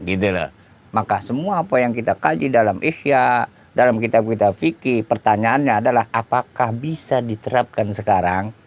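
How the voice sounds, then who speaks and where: A male Indonesian preacher gives a loose, chatty religious lecture. His voice sits at an ordinary middle pitch, and he talks things through with plain examples and tag phrases rather than formal oratory. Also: moderate pace. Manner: conversational, explaining with everyday examples and repeated tag phrases. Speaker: Islamic preacher.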